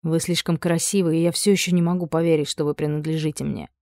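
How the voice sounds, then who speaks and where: A woman reading the part of a commanding noble dragon lord, speaking low, hushed and soft. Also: steady tone, fast talker, no echo, clean studio sound.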